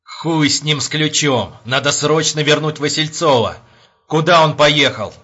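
A man's voice: on the high side, a little slow, sharp tone, breathy edge, lo-fi sound, pitched above the performer's own voice, heavily acted. A man voicing a furious, foul-mouthed army major who barks orders in an audiobook. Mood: angry. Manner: barking, commanding.

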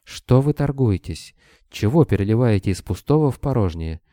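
A man's voice: medium pitch, animated, moderate pace, dark tone, dry recording, clean studio sound, pitched above the performer's own voice, lightly acted. A man voicing a scornful red-haired young werewolf woman who scolds sharply. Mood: scolding.

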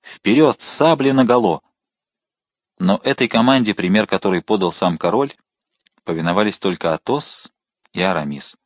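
A male narrator reads an adventure novel aloud with dramatic expression. His voice sits fairly low and sounds dry and close, with no room echo. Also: a little fast. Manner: expressive, shifting to voice the characters. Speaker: audiobook narrator.

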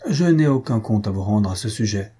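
A calm, composed count read by a man answers in cool, formal phrases. The voice is husky and dark, with a little lift in pitch. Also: brisk.

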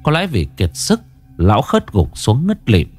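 A man's voice: mid-range voice, huge pitch swings, a little slow, faint music behind. A man narrating a horror story in a dramatic, scripted style.

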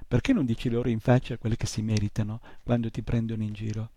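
A man doing a gruff, grumbling old bookseller. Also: fairly low pitch, flat delivery, fast talker, warm tone, a little hiss or hum, natural voice. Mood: scolding. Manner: grumbling, sarcastic.

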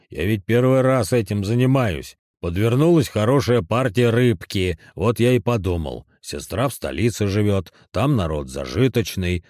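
A man's voice: fairly low pitch, a little mellow, dry recording, studio quality. A man doing a sullen, pleading petty crook. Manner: grumbling, pleading. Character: sullen, pleading male petty fish trader.

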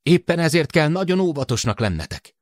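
Man doing a worried bossy woman, high pitched, dry close sound. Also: sing-song, dry recording. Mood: anxious. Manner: urgent, commanding. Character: anxious woman at a ship's control room.

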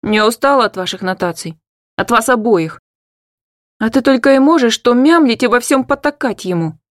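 A woman reading an audiobook, voicing a defiant eighteen-year-old girl who shouts at her parents. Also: on the high side, expressive, normal speed, no echo, studio quality, pitched above the performer's own voice, lightly acted. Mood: furious shouting. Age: teens.

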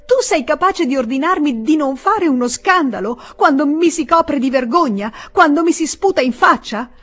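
Woman reading as a shrill, outraged young woman. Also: expressive, normal speed, fairly bright tone. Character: proud indignant young woman, wounded and defiant.

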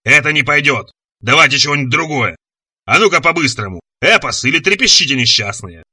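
A man voicing a huge, boastful scaly monster that roars its lines slowly and menacingly. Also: a little high, animated, husky, no echo, clean studio sound, heavily acted. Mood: roaring. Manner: roaring, loud, slow and menacing.

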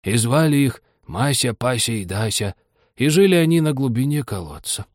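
A sleepy little dormouse mumbles in a weak, hoarse voice, slow and sulky, as a man reads him aloud. His low murmur swings widely in pitch. The storybook voice sits close and dry in the room. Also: lively intonation, dry recording, natural voice. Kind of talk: audiobook character reading.

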